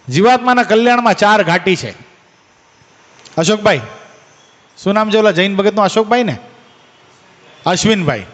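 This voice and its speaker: High-voiced preacher, echoing hall. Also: male voice, fairly bright tone. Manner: questions and teases listeners by name. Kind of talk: devotional discourse to a gathering.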